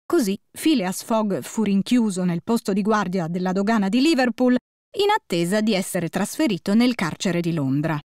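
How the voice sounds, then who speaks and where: A woman narrating a musical tale for concert band in a clear, measured storytelling voice. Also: mid-range voice, animated, darkish tone, no room sound, clean studio sound. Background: faint concert band music.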